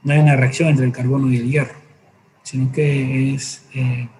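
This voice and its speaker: A man teaching a science class, explaining patiently with everyday examples, often pausing to hesitate and correct himself. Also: mid-range voice, level tone, darkish tone, slight background noise, rough recording. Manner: frequent hesitations and self-corrections. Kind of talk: classroom lecture.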